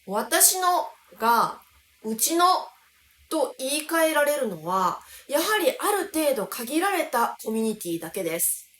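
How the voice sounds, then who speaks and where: Lively-voiced woman teaching Japanese. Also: high-pitched. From Kansai, Japan. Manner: slows and stresses key words while explaining. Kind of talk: explanatory online language lesson. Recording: roomy echo.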